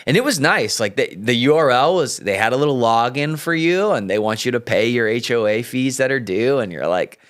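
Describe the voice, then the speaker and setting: A man in an earnest, easygoing finance chat, his voice sitting at an ordinary middle pitch. He tells stories of scams with a warning tone, now and then lifting his voice for emphasis. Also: fairly quick, few pauses. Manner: earnest, cautionary, lively storyteller. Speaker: host. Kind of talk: casual podcast chat.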